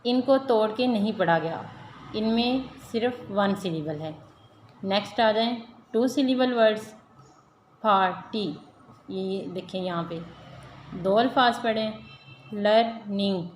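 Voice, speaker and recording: A woman teacher, giving a recorded online lesson to young children and reading words slowly and deliberately. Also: medium pitch, a little mellow. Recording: echoey room, faint background hum.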